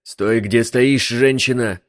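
A man voicing an excitable, brash eccentric male inventor who talks in loud exclamations, in an audiobook. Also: medium pitch, normal speed, no room sound, clean studio sound, lightly acted. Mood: excited. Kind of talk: audiobook reading.

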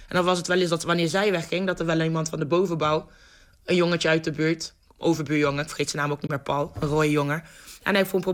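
Lively woman telling a story. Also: low-pitched. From Netherlands, North Brabant. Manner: lively, vivid storyteller who restarts sentences and acts out scenes. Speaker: interviewee. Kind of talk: personal storytelling interview.

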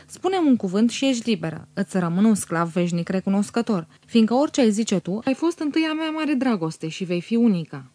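A woman's voice: mid-range voice, animated, hardly any pauses, warm tone, no room sound, close to an everyday voice. Woman voicing a fawning, self-pitying husband. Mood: theatrical pleading. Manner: theatrical, self-pitying, wheedling. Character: fawning scheming young married man.

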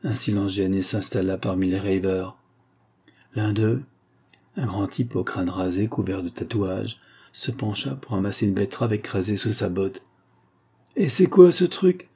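A man reading an audiobook aloud in measured, even narration. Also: fairly low pitch, husky. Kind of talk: scripted narration.

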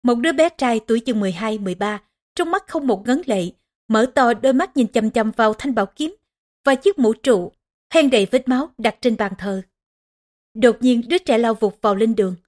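Female audiobook narrator, slightly high voice, steady scripted reading of a historical epic.

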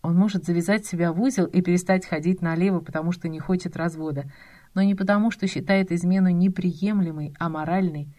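A young adult woman giving expressive, confiding first-person audiobook narration with a lightly sarcastic edge. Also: fairly low pitch, a little fast.

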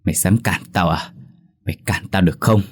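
A man's voice: low-pitched, a little fast, breathy edge. A man voicing a possessed young woman in a ghost story, with a mocking, taunting demon inside her that also shrieks for her mother. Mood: menacing.

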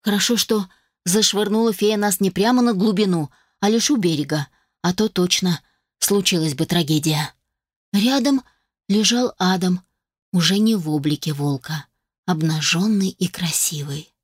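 A woman reading a first-person novel aloud in steady storytelling fashion. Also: on the low side, normal speed, husky, no echo, studio quality. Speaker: audiobook narrator. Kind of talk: first-person fiction narration.

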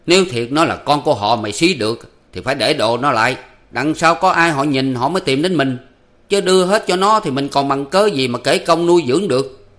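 A man voicing a harsh, bullying village man who yells and scolds contemptuously in a spoken storybook reading. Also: medium pitch, fairly quick, pitched above the performer's own voice, close to an everyday voice. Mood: furious.

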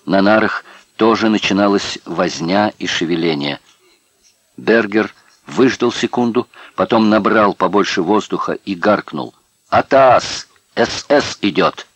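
Deep-voiced male audiobook narrator. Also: measured pace, a bit bright, husky, no room sound.

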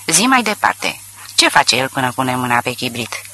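A man voicing a sly, genial male horse trader with a smooth, drawling way of talking. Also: medium pitch, sing-song, pushed and bright, a little hiss or hum.

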